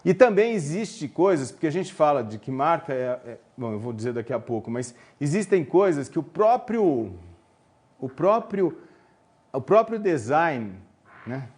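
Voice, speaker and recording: A man's voice: a little high, big pitch swings, a little slow, a little mellow, slightly rough. A man with a Brazilian Portuguese accent presenting a live online marketing class, chatty and joking with his audience, with many fillers. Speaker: webinar presenter.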